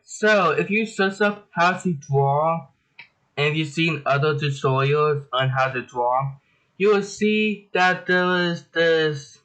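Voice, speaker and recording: A man's voice: on the high side, fairly bright tone, low-quality recording. A young man hosting a casual drawing tutorial, chatty and self-deprecating as he rambles through his steps.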